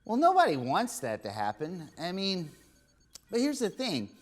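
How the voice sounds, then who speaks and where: A woman voicing a curious, easily confused male puppet doctor who gently explains Bible lessons in a children's church show. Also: lowish voice, wildly swooping pitch, moderate pace. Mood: explaining.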